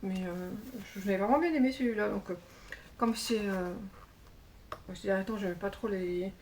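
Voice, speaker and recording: A woman chats through a crafting haul, pausing often with little fillers as she hunts for words. Her mid-pitched voice sits a bit back from the mic, with a faint hiss in the background. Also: a little mellow, recorded from a distance. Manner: chatty, hesitant, many fillers. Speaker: crafting YouTuber. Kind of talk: casual show-and-tell haul.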